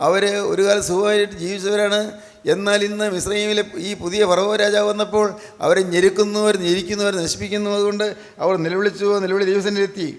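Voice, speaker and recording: A man's voice: high-pitched, flat delivery, fast talker. A man preaching a sermon with emphasis, repeating his key phrases for effect. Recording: long hall reverb.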